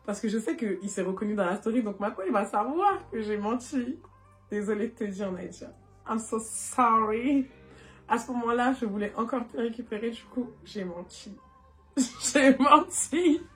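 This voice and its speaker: A young woman from France talks at a brisk clip into her phone, spinning a casual storytime for her viewers. She sounds animated and chatty, with a middling pitch, and she keeps stringing thoughts together with fillers and quick laughs. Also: soft background music. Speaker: vlogger.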